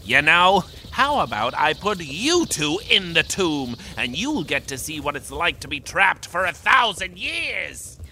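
A woman's voice: on the low side, sing-song, measured pace, few pauses, bright, forceful tone, slight background noise, full character voice. A woman playing a vain, menacing ancient pharaoh villain in a children's radio comedy, with an imperious, theatrical delivery. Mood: menacing, commanding.

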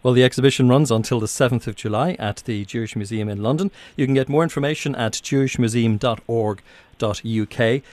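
Fast-talking Irish radio host man. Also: mid-range voice, darkish tone, dry recording. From Ireland. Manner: quick, stumbling questions. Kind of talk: radio interview.

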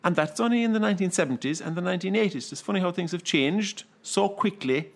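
A middle-aged Irishman with a Kerry accent speaks in a slightly high voice. He has the lilting, dryly humorous delivery of a traditional storyteller looking back on old customs. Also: expressive, fast, background noise. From Ireland, County Kerry.

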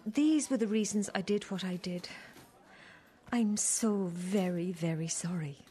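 A woman's voice: medium pitch, a little slow, warm tone, husky. A woman acting as a guilty, defensive older mother in a drama, pleading and hesitant with her estranged daughter. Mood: apologetic, hesitant. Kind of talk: dramatic two-hander dialogue.

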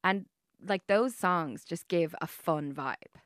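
Relaxed woman hosting, lowish voice. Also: slow pace, no room sound, studio quality. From Ireland. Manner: relaxed, agreeable, asks questions. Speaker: radio host. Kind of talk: casual radio chat.

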